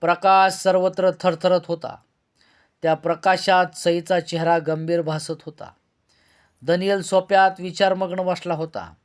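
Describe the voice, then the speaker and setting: A man narrating a novel aloud in a steady, measured way. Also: high-pitched.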